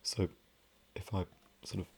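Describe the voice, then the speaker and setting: A man in soft-spoken, whispered role-play, rambling gently and drifting between a whisper and a low voice. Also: measured pace. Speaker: ASMR creator.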